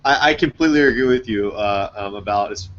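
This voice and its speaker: A man co-hosting a podcast interview, speaking haltingly with many fillers and restarts. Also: lowish voice, a bit bright. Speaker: podcast co-host. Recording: dull lo-fi sound.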